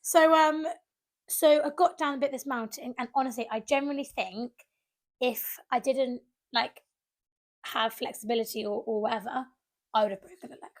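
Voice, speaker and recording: A woman's voice: fairly high pitch, steady tone, moderate pace. A young woman, co-hosting a podcast and telling a story with lots of acted-out quotes. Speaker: podcast co-host. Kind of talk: casual chat.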